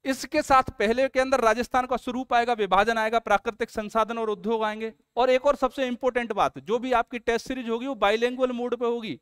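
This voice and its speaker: A man's voice: very high-pitched, steady tone, brisk, hardly any pauses, a bit bright, clean tone, dry recording, studio quality. A man, an exam coaching teacher, walking students through a test series in an earnest, coaxing way. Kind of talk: promotional explainer lesson.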